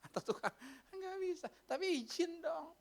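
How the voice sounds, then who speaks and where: A man's voice: very high voice, normal speed, vocal fry. A male pastor preaching a sermon, telling stories playfully and acting out the people in them. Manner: animated, playful storytelling with voiced impressions.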